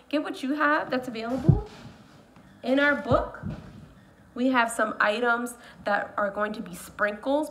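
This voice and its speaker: A woman teacher giving a read-aloud lesson, telling the story in an animated way with sudden whispers and exclamations. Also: a little high, slight background noise.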